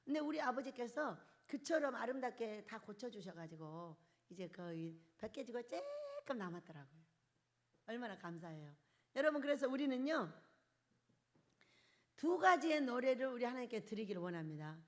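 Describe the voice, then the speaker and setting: Older woman pastor, lively high preaching. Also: normal speed. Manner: emotive preaching with sudden loud bursts and soft drops; asks the congregation questions. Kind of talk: charismatic sermon. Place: church hall.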